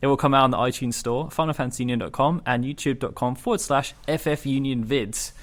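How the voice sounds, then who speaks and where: A man hosts a casual podcast in a middle-pitched voice. He chats easily with his guest and reads out questions sent in by listeners. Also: quick pace. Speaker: podcast host.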